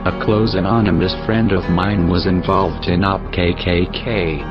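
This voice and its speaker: Man in a disguised deep voice. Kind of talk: scripted statement read out. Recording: dull lo-fi sound with music behind.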